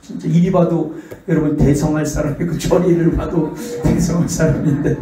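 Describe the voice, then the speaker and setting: A man's voice: on the high side, moderate pace, a little hiss or hum. A middle-aged male pastor giving a revival sermon, telling stories animatedly and acting out the people in them. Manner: animated, acts out the voices in his stories. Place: church sanctuary. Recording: echoey church hall, distant mic.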